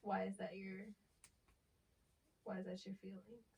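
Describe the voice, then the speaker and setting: A woman interviewer asking relaxed, curious questions in a casual chat. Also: medium pitch, measured pace, creaky, husky. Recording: voice from a distance off the mic.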